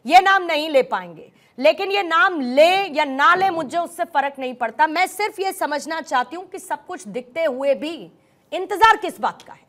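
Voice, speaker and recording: A woman's voice: sits high, expressive, normal speed, a bit bright. A woman anchoring a heated televised debate, pressing guests and repeating her questions over them.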